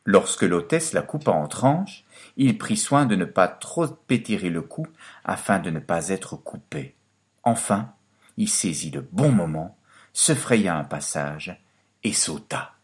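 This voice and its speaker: A man narrating a fairy tale in a scripted, expressive storytelling manner. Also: sits low, unhurried. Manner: expressive storytelling, lively and dramatic.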